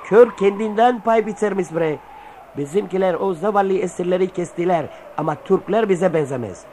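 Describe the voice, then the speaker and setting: An actor playing a grumbling, cynical old-world soldier in a radio play, talking in a colloquial way. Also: male voice, high-pitched, moderate pace, mellow, slight background noise, lightly acted. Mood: gossipy, awed. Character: grumbling, cynical Byzantine soldier who admires the enemy.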